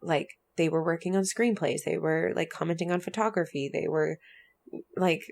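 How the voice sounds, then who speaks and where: A woman's voice: low voice, moderate pace, creaky, darkish tone, a little hiss or hum. A woman co-hosting a podcast, chatting casually as she retells a story with lots of fillers. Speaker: podcast co-host.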